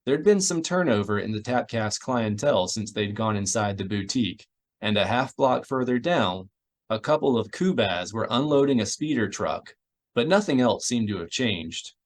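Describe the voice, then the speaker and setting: An audiobook narrator reads a science fiction novel aloud from a script, doing voices for the characters. His voice sits on the low side, with lively intonation and a normal speed.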